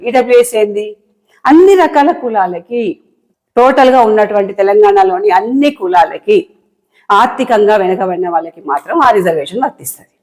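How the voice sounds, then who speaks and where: Fast, fiery Telangana woman ranting. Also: fairly high pitch, darkish tone, rough recording. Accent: Telangana Telugu. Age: adult, married. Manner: angry, impassioned and repetitive. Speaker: online political commentator. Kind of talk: heated monologue to camera.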